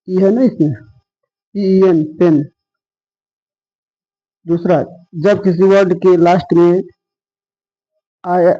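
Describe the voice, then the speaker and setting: Male teacher, patient spelling drills, raised pitch, muffled lo-fi recording. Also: breathy edge. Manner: slow, patient, repeats each rule. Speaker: English teacher. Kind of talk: spoken lesson spelling out words. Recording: dull lo-fi sound.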